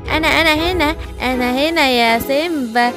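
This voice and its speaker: A woman's voice: high voice, moderate pace, over music, lightly acted. A woman with an Egyptian accent voicing a playful young female animal friend.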